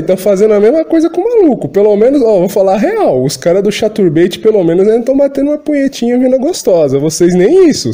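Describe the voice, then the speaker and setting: A man's voice: high-pitched, dark tone. A Brazilian man hosting his channel, delivering an agitated, profanity-laden rant. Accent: Brazilian Portuguese. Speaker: channel host. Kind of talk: ranting monologue.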